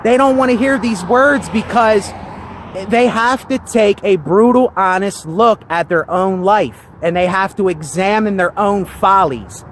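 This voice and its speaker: Slow, high-voiced man preaching earnestly. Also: a little hiss or hum. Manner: earnest and preachy, repeats himself. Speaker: channel host. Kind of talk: casual monologue to camera.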